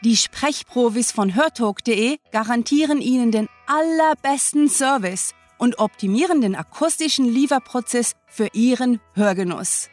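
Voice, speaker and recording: A woman with a fairly high voice rattles off a playful, over-the-top shopping-channel sales pitch. Her delivery is bubbly and hyped up, every offer sold as a bargain. Faint music plays underneath. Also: lively intonation, moderate pace, few pauses. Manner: bubbly, exaggerated salesy hype. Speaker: podcast host.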